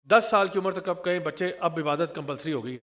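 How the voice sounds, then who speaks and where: A man's voice: fairly high pitch, a bit bright. A man giving an earnest religious talk on parenting, explaining point by point and mixing in English terms. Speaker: Islamic speaker.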